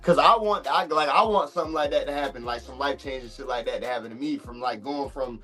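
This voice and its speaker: A man in a casual chat, reflecting and thinking out loud. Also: medium pitch, quick pace, over music. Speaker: guest.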